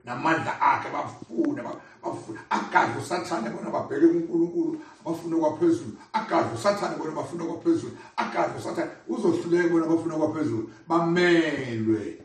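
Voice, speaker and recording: A man's voice: a little high, fast talker, few pauses. A man with a Zulu accent preaching a sermon, exhorting and repeating phrases for emphasis. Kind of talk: sermon, repeating a scripture reader and expounding. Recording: very echoey room, far from mic.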